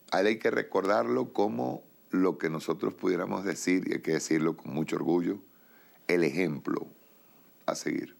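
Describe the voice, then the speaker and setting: Middle-aged man, very deep voice, gravelly, political TV host, emphatic rambling commentary. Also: unhurried, long pauses. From Venezuela. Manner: rambling, emphatic, many restarts. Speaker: TV show host.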